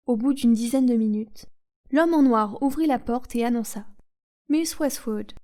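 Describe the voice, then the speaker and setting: Woman audiobook reader, calm soothing delivery, fairly high voice, mellow dark tone.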